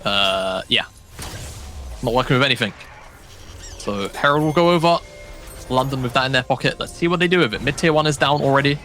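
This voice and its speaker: A man casting an esports match at a studio desk, talking fast and laughing often between calls. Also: medium pitch, bright, forceful tone. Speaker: esports caster. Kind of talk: play-by-play commentary and banter. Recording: faint music behind.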